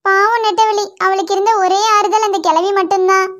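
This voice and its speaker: A woman's voice: very high voice, steady tone, a little fast, fairly bright tone. A woman voicing a chatty village mother in a cartoon, with a Kanyakumari Tamil accent and a gossipy, scolding way of talking. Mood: gossiping. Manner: chatty, scolding, calls others with "ilē". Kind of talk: cartoon voice acting.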